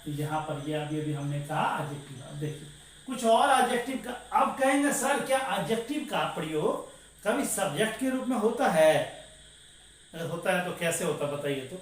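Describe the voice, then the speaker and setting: Guy teaching grammar, kinda high voice, quizzes the class then answers himself, really echoey room. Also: animated, normal speed. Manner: asks the class questions and answers them himself, calls listeners "dear". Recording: very echoey room, voice far from the mic, faint noise.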